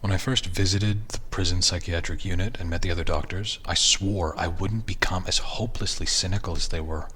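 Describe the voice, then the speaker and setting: A man's voice: low voice, fairly even intonation, a little fast, hardly any pauses, pushed and bright, breathy edge, exaggerated voice. A man voicing a disillusioned, cynical psychologist husband in a horror story reading, brooding and sardonic. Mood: bitter.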